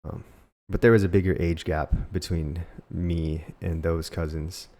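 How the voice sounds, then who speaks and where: A young man, a singer-songwriter raised in Alaska and Costa Rica, casually telling a reflective story to camera with pauses and fillers. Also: low-pitched, steady tone, mellow.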